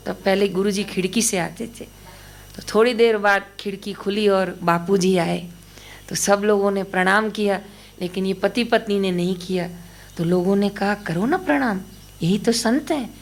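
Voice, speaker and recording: A woman's voice: medium pitch, steady tone, normal speed. A woman giving a spiritual storytelling talk. She narrates anecdotes about a guru and voices the dialogue of the people in them. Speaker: devotional storyteller.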